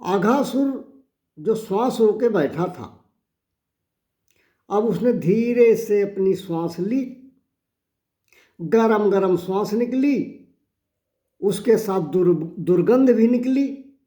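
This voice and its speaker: Slow, high-voiced male devotional storyteller. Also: expressive, dark tone, roomy sound. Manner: measured, reverent, storytelling.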